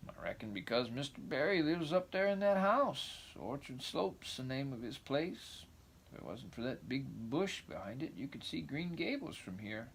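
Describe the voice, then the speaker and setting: A man voicing a shy old country farmer in a storybook, talking slowly and hesitantly with a folksy drawl. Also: medium pitch, very animated, vocal fry, slight background noise. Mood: plain explaining.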